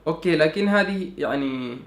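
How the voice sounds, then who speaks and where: A man's voice: fairly high pitch, lively intonation, a little fast, roomy sound. A young man with a Sudanese Arabic accent, chatting casually in a vlog and thinking aloud with lots of fillers. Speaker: YouTuber.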